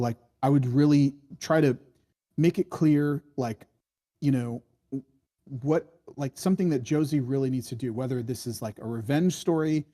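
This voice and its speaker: A man with a medium-pitched, dark-toned voice gives a screenwriting workshop critique of a script. His notes are casual and rambling, full of hedges and false starts as he works through his thoughts out loud.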